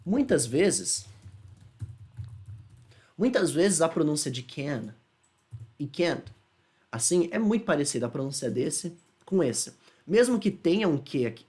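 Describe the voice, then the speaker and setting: Brief: male Brazilian Portuguese speaker, relaxed online English tutor, talks casually, stops to check understanding, slows for example phrases. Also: on the high side, slightly rough. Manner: chatty, asks checking questions, slows to demonstrate English phrases. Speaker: English teacher. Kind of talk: casual explanatory lesson.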